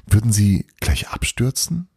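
A man reading a children's story aloud in a slow, expressive way. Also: fairly low pitch, gravelly, slightly rough, dry recording, studio quality. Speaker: reader.

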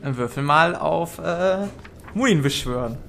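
High-voiced man running a tabletop game. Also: animated, measured pace, vocal fry, fairly bright tone, a little hiss or hum. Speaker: game master. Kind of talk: narrating a tabletop role-play.

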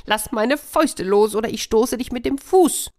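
A woman voicing a boastful, tricky male hare in a told fairy tale, shrill and loud. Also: sing-song, moderate pace. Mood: shrill threats. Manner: shrill, pleading and cocky.

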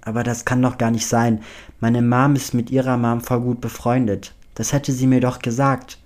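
Anxious earnest teen boy, read by a man, ordinary mid pitch. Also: level tone, normal speed, darkish tone, lightly acted. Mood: flustered. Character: anxious teenage boy, easily led.

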